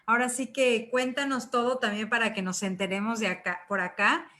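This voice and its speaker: A woman's voice: a little high, steady tone, fairly quick, sharp tone. Friendly woman interviewer asking casually. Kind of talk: casual video-call interview.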